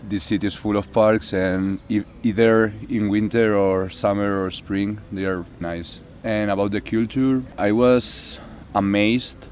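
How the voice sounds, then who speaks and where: A man's voice: lowish voice, fairly even intonation, a little slow, few pauses, a little mellow, a little hiss or hum. A young man from Spain, answering interview questions in simple, earnest English. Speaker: exchange student.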